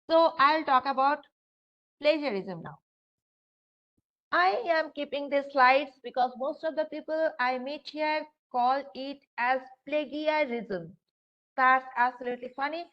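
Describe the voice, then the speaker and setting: A high-pitched woman with an Indian English accent lectures a class in an easy, conversational way, filling pauses with "uh" and "you know" and speaking straight to the students in front of her. The recording is dull and lo-fi, as if picked up by a room microphone in a classroom. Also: fairly bright tone. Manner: conversational, frequent fillers, addresses students directly. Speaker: university lecturer.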